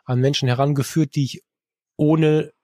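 A man's voice: fairly high pitch, fairly even intonation, normal speed, dark tone, no echo, clean studio sound. A man talking casually about his travels with a camera, rambling, with many fillers and self-corrections. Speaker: guest photographer. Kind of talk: casual storytelling in a podcast conversation.

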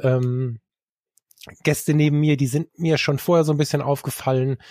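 Mellow-voiced man telling travel stories. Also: mid-range voice, no room sound. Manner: rambling, many fillers and self-corrections. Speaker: guest photographer. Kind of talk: casual storytelling in a podcast conversation.

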